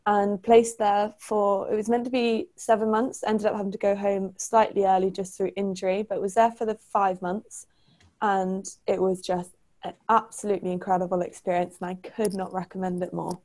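A woman's voice: medium pitch, flat delivery, moderate pace, darkish tone. A young woman guest on a podcast, chatting casually and describing things with enthusiasm. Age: young adult. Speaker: podcast guest, former language assistant. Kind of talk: casual chat.

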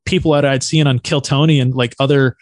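A man's voice: medium pitch, fairly even intonation, a little fast, dry recording. Man telling loose, slangy stories. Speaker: podcast guest, stand-up comedian. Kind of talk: casual storytelling.

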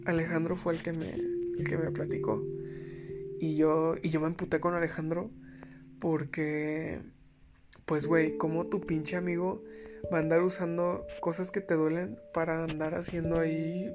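A man's voice: fairly high pitch, flat delivery, normal speed. A young man with a Mexican accent casually telling a personal story, slangy and candid, swearing now and then. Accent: Mexican Spanish. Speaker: storyteller host. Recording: music playing underneath.

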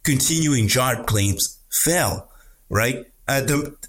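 A man speaking as an economics commentator on a podcast, halting and repeating words, often stressing points with a questioning "right?". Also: mid-range voice, animated, fairly bright tone.

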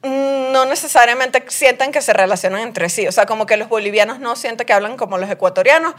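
A Venezuelan woman hosting a podcast in casual, animated chat, often laughing as she talks. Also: on the high side, brisk. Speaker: podcast host.

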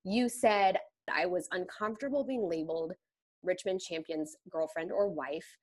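A woman's voice: on the low side, moderate pace. A woman hosting a podcast interview, chatting with bursts of enthusiasm. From grew up in the rodeo world. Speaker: podcast host. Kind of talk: casual interview chat.

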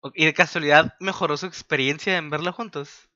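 A man's voice: on the high side, brisk, no room sound. A man chatting casually on a podcast about a movie, acting out lines from it. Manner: animated, acts out quotes. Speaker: podcast panelist. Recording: dull lo-fi.

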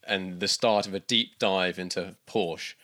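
A man's voice: deep voice, steady tone, normal speed, pushed and bright. A man from the UK in his thirties, chatting casually as a guest, rambling with many restarts and fillers. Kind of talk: casual interview chat.

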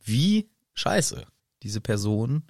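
A man's voice: mid-range voice, big pitch swings, extremely slow, darkish tone, no room sound, clean studio sound. A man co-hosting a casual podcast, retelling a book with jokes, laughter and silly put-on voices. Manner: joking, laughs often, puts on silly voices. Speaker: podcast co-host.

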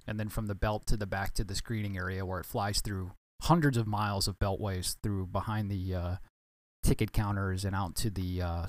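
Male podcast host, lowish voice, dry close recording, rambling casual delivery full of restarts. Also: no room sound. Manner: rambling, many restarts and self-corrections. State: tired, yawning. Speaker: podcast host, former baggage handler.

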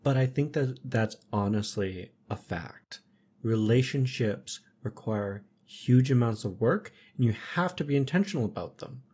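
Husky-voiced guy hosting a podcast, calm and reflective, short sentences. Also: mid-range voice. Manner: measured and reflective, speaks in short statements. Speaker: podcast host. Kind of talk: casual chat.

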